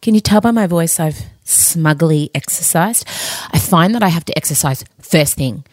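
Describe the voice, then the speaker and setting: A woman's voice: low-pitched, expressive, moderate pace, dry recording. Female podcast host, Australian accent, candid and cheeky, effusive casual delivery, close dry home recording. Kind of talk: casual solo podcast chat.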